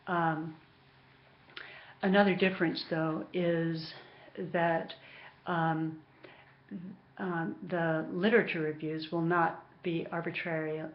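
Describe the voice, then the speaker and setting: Slow, hesitant, low-voiced woman instructor. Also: flat delivery, muffled recording. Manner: hesitant, pausing, thinking as she speaks. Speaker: course instructor. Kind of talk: informal recorded class announcement.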